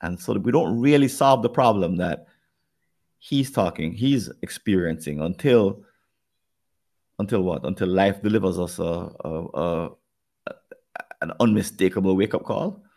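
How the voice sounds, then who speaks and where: A man's voice: low voice, unhurried, long pauses, a little mellow. A man with a Jamaican accent hosting a podcast, talking things over earnestly and turning now and then to speak straight to his listeners. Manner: earnest, reflective talk that addresses listeners directly. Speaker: podcast host. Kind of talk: casual podcast conversation.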